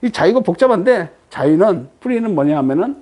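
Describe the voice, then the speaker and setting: A woman's voice: lowish voice, brisk. A woman giving a lecture, asking the audience frequent questions and answering them herself. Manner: lively rhetorical questions to the audience.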